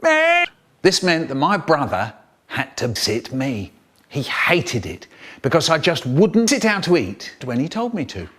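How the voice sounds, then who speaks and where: Animated man telling comic stories. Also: a little high, a little slow, slightly rough. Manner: animated, playful, full of sound effects. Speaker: comedian. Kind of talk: comic storytelling.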